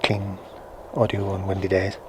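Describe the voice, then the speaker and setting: A man's voice: monotone, normal speed. A man giving a casual, hesitant product demonstration, thinking aloud as he reviews gear. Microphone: small on-camera shotgun microphone via recorder into camera. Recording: noisy on-camera mic, low rumble.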